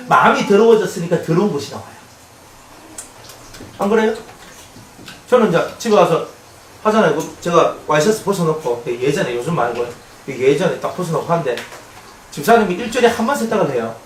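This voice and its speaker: A male pastor preaches in a lively, high-pitched voice that swings widely and keeps asking the congregation questions. He is picked up from a distance in an echoey church, with a faint hiss behind him. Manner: animated, conversational, often laughing. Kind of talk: expository sermon. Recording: echoey room, mic at a distance, faint noise.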